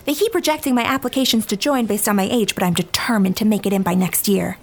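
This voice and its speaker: A woman's voice: medium pitch, fast talker, vocal fry. Wry narrator, a gossipy small-town journalist, voiced by a woman. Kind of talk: scripted comedic narration.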